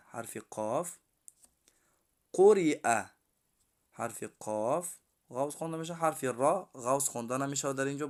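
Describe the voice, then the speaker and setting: Male reading teacher, syllable drills, slow and deliberate, mid pitch. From Tajikistan. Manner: slow drawn-out drilled recitation of syllables, then rapid quiet explanation. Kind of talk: recited reading lesson.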